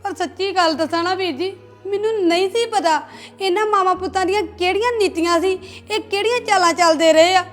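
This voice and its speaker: An actress playing a young married woman in a family drama, tearful and pleading, over soft background music. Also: very high voice, a little fast. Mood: upset. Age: young adult.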